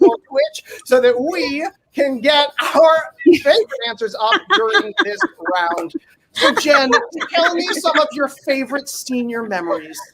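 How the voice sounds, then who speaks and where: A woman hosting a live comedy game show, bubbly and animated, laughing often. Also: high-pitched, poor audio.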